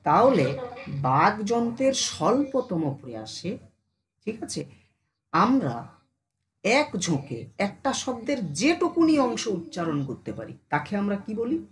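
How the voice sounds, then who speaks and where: A teacher giving a casual online class who speaks familiarly to the students, keeps asking if they follow, and slows down to sound out syllables one by one. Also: medium pitch, sing-song. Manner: addresses students familiarly, asks them constant check questions.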